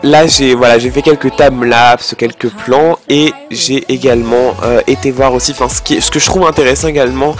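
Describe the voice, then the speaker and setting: A French teenage boy talks through his travel footage in a loose, chatty voice-over. His pitch sits in an ordinary middle range, and he keeps stopping to restart his sentences. Faint music plays softly behind him. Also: steady tone, fairly quick, hardly any pauses. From France. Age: teens. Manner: chatty, many fillers and restarts. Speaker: travel vlogger. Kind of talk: casual travel vlog voice-over.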